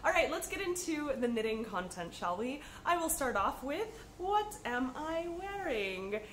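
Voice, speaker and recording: Talking casually to camera, the American podcast host keeps things upbeat and chatty, dropping frequent ums while slightly stuffed up from a cold. Her high voice is very animated yet a touch slow, over light background noise.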